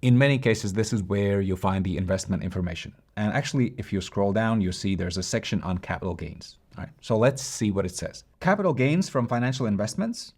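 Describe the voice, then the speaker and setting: A man's voice: on the low side, animated, darkish tone. Man explaining investing taxes. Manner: direct, instructive, brisk. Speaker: investing channel host. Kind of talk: scripted explainer with screen walkthrough.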